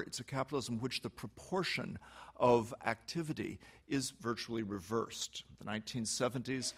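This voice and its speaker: Low-voiced man lecturing on a panel. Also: husky. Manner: fluent, measured lecturing. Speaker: university president on a panel. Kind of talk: academic panel talk.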